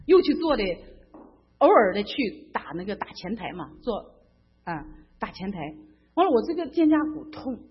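A middle-aged woman from mainland China giving an emotional, fervent personal faith testimony, often stammering and repeating herself. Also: medium pitch. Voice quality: husky. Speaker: church member giving testimony. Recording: dull lo-fi recording.

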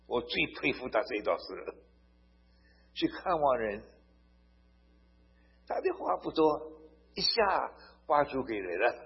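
A man preaching a sermon. He tells stories to make his points, turns emphatic and swells loud on key phrases, and often asks his listeners "好不好?". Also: mid-range voice, very animated, unhurried, vocal fry, pauses often, husky. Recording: dull lo-fi recording.

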